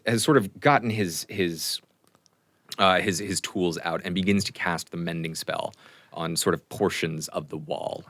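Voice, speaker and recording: Low-voiced man narrating as game master. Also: a bit bright, dry recording. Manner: casual, filler-heavy, chuckling narration.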